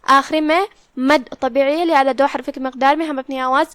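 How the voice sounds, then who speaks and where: A woman teaching Quran recitation rules, explaining each letter slowly and methodically. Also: high-pitched, fairly even intonation, no room sound. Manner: slow, methodical, careful articulation. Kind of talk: tajweed lesson, explaining then reciting.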